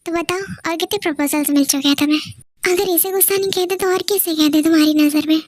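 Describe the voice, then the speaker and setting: A woman's voice: very high voice, steady tone, fast, dry recording, studio quality. A woman voicing a possessive, impatient young man in love, in a pushy and demanding way.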